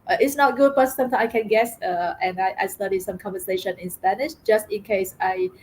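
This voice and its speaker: A middle-aged Vietnamese woman with a Vietnamese accent tells her story as an interview guest, halting often with many fillers and repeated words. Her voice is medium-pitched and darkish, and the recording quality is low.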